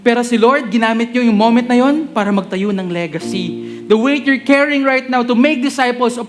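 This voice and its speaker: A man preaches a sermon in a high voice, sliding between Tagalog and English. He talks to the congregation in a chatty, joking way, and soft guitar music plays behind him the whole time. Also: moderate pace. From Philippines. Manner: switches between Tagalog and English mid-sentence.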